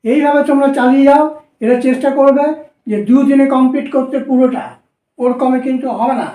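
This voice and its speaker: At a whiteboard, a woman with a Bengali accent teaches students shorthand strokes, patiently and instructively repeating each step. Her voice is high with little pitch movement, slightly fast, and mellow, in a reverberant space.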